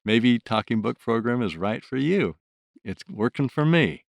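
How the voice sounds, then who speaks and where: A man's voice: mid-range voice, lively intonation, measured pace, vocal fry, dry recording. A man who volunteers as an audiobook narrator, talking about his work in a thoughtful, earnest way. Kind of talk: reflective interview talk.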